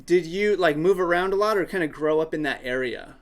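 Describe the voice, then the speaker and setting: An American man hosting a casual podcast interview. His slightly high voice carries eager, rambling questions that loop back on themselves. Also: a little fast. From United States. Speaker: podcast host.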